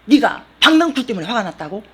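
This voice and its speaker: A woman's voice: on the high side, very animated, fast, a bit bright, slight background noise. A woman preacher voicing God as He rebukes a sulking prophet with pointed questions. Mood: rebuking.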